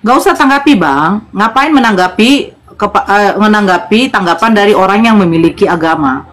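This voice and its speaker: A woman's voice: mid-range voice, animated, fairly quick, a bit bright. A woman questions firmly and insists on an answer, leaving no room for dodging. She speaks in a live online debate. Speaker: debate participant.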